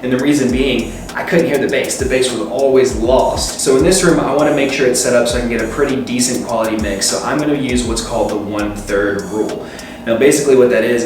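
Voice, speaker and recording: A man talks to camera as an informal vlog host, explaining things casually at a medium pitch. His voice rings with strong hallway-like echo from an untreated room, and music plays clearly behind him. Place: indoors, bare untreated room being made a studio.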